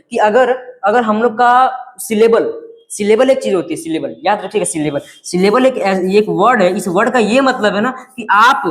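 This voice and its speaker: A man's voice: high voice, echoey room. A male teacher explaining grammar in his words, often asking check questions and repeating key words.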